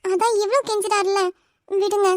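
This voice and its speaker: A woman's voice: extremely high pitch, fairly even intonation, normal speed, no echo, clean studio sound. A woman voicing a kind young wife who comforts and reassures her friend, with a Kanyakumari Tamil accent, in a cartoon love story. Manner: soft, caring, reassuring.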